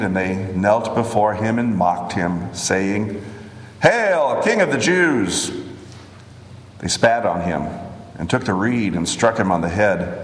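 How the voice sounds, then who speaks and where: A man reading scripture aloud in a measured, expressive way, in an echoey hall. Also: on the low side. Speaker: scripture reader. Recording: echoey hall with long reverb.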